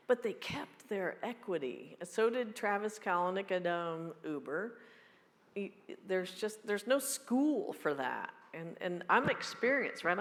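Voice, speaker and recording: A woman in her fifties giving a keynote and answering audience questions in a blunt, joking, fast-talking way. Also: mid-range voice. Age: 50s. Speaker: keynote speaker. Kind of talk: live Q&A at a meeting. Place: large hall. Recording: long hall reverb.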